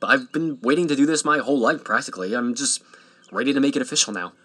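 A man playing an excited young groom in love, joking casually in a naturalistic drama. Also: medium pitch, fast talker, lightly acted. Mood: nervous, joking. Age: young adult. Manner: casual, teasing. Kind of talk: naturalistic found-footage drama acting.

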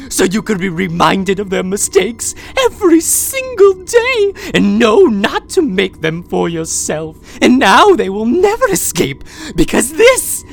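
A woman's voice: medium pitch, gravelly, exaggerated voice. A woman voicing an unhinged, possessive captor in an audio drama monologue, coaxing and sing-song one moment and screaming with rage the next. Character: unhinged possessive captor, sweetly menacing villain.

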